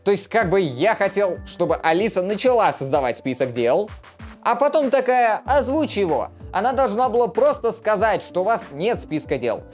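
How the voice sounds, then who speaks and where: Young male tech reviewer, lively swinging intonation, casual delivery, music underneath. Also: high-pitched, normal speed. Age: young adult. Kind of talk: casual gadget review to camera. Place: small furnished room indoors. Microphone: clip-on lapel mic.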